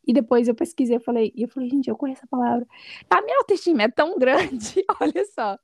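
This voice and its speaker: A woman guest on a podcast tells her stories in an easy, chatty way, laughing often as she goes. Her voice sits a little high for a woman, and the sound is dry, with no room echo. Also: quick pace. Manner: lively, laughs often while telling stories. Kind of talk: casual conversational storytelling.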